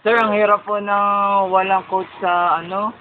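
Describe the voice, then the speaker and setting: A student speaking softly and pleading with her teacher. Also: mid-range voice, level tone, moderate pace. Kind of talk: casual apology video. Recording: tinny lo-fi camera with hiss.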